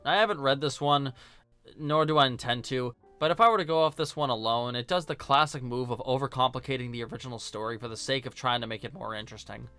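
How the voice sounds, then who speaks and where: A video reviewer and host delivers scripted video-essay commentary in a sarcastic, informal, joking way. His medium-pitched voice is fast, clean, and sharp-toned, with faint music behind it.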